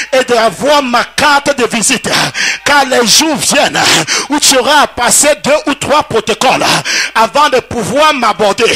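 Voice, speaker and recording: A man preaching a fiery sermon as pastor in a church hall, proclaiming with repetition and bursts of shouting. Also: very high-pitched.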